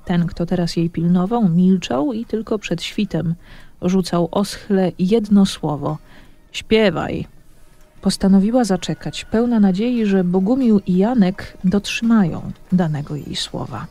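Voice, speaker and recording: A man reads a children's legend aloud as a scripted audiobook narration. His voice sits high, and he tells the story in a steady, even manner. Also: unhurried.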